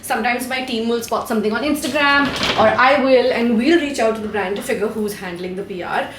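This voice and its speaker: A woman in her thirties with an Indian English accent vlogs from a room at home, chatting candidly to camera, occasionally swearing and mixing in Hindi. Her voice is on the high side, brisk and fairly bright, in an echoey room with a little hiss or hum.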